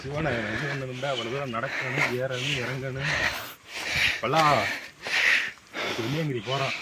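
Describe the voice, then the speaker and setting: A man's voice: mid-range voice, steady tone, normal speed. A man, a fellow hiker on a mountain trail, speaking to the group from a distance. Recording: distant voice in loud outdoor noise.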